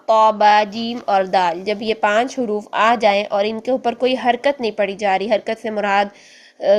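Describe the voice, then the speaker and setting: A woman teaching an online Quran class, explaining letter sounds patiently and step by step, then slowly demonstrating each one. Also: mid-range voice.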